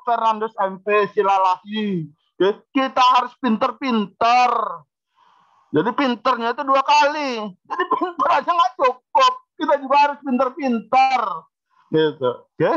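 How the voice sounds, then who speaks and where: A male law professor gives a university lecture and tells animated stories, dropping in frequent "gitu" asides. His pitch rises and falls widely and his voice sounds bright, captured on a dull, lo-fi recording. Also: measured pace.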